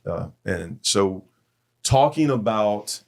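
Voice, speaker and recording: A man's voice: fairly low pitch, lively intonation, slow, a little mellow. Earnest man telling a heartfelt story. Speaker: podcast host. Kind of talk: church men's podcast conversation.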